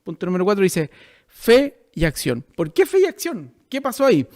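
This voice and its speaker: A man's voice: high voice, wildly swooping pitch, moderate pace, darkish tone. A male pastor with a Chilean Spanish accent preaching a sermon, asking his listeners direct questions.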